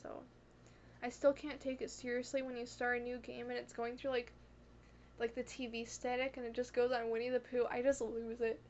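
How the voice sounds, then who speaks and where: Casting: young woman vlogger, high voice, excitable, rambling, self-conscious. Dull, lo-fi recording. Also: moderate pace. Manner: excitable, gushing, heavy on "like" and "oh my god"; self-conscious, apologetic asides. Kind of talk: casual rambling chat. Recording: dull lo-fi audio with faint hiss.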